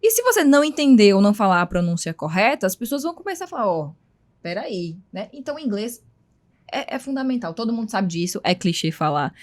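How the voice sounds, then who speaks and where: A woman co-hosting a podcast, chatting quickly and joking at her own expense. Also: mid-range voice, sing-song. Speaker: influencer and podcast co-host. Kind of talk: casual podcast chat.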